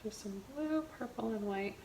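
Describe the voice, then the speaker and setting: A woman giving a casual step-by-step painting tutorial as a gentle, easygoing instructor. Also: a little high, normal speed. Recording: roomy echo, faint background noise.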